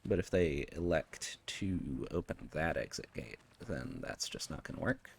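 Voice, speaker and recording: A man's voice: rumbling low, expressive, a little slow, vocal fry, a little hiss or hum. A man giving casual, muttered running commentary while streaming a game.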